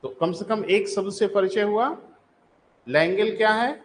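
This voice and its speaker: High-pitched Hindi teacher lecturing. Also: male voice, unhurried, a little hiss or hum, low-quality recording. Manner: calls students "beta", asks and answers his own questions. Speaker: geography teacher. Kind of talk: live online class lecture.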